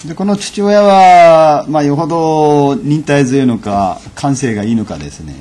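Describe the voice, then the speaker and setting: A man giving a lecture and telling an anecdote in a measured, unhurried way, with frequent fillers. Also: a little high, expressive, warm tone. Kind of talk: storytelling lecture.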